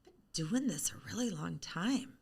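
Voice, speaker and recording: A woman's voice: fairly low pitch, expressive, normal speed, gravelly, a little mellow, breathy edge. A middle-aged woman talking about her work as an author in a casual live-stream interview, frank and chatty, with self-deprecating humor.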